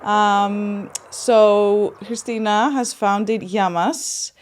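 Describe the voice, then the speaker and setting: A woman's voice: mid-range voice, steady tone, drawn-out words, a little hiss or hum. A woman hosting a podcast, upbeat and eager, talking casually with lots of "yeah" and "like". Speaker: podcast host.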